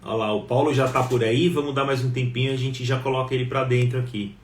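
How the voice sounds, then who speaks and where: Broadcasting from home in Ribeirão, a man hosts a live online talk show, chatting casually and greeting viewers one by one by name. He talks fast in a mid-range, level voice, and his wireless mic gives a roomy, distant sound with faint background noise.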